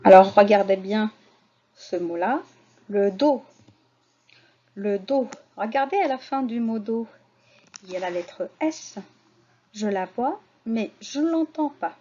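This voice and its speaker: A woman teaching a beginner French lesson, speaking slowly and repeating each key word. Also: medium pitch, dull audio. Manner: slow, repeats key words, lively teaching intonation. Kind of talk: slow, deliberate French lesson for learners.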